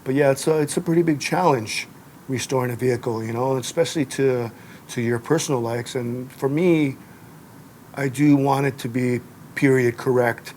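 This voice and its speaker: A man who grew up in Japan, talking in a relaxed, rambling way on camera and often saying "man" and "you know". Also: mid-range voice, moderate pace, a little hiss or hum. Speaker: interviewee. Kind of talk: casual on-camera interview.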